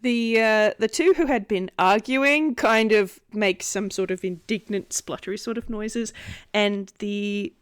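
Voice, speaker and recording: A woman's voice: mid-range voice, unhurried, smooth. A woman narrating a tabletop game as game master, improvising in an informal, conversational way.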